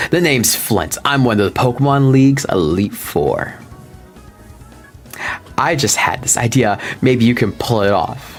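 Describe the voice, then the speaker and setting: A man's voice: medium pitch, natural voice. A man voicing a laid-back, friendly young male fire-type trainer from a video game, reading the game's dialogue aloud.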